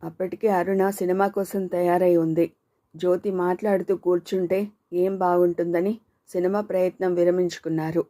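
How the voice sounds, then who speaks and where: Woman narrator, audiobook storytelling, steady and measured, warm dark tone. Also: on the low side.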